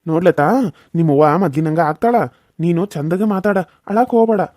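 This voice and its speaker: A man's voice: on the high side, darkish tone, dry recording, clean studio sound, close to an everyday voice. A man voicing a stern but comforting village uncle with a North Karnataka Kannada accent. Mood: reassuring. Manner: fast, firm reassurance.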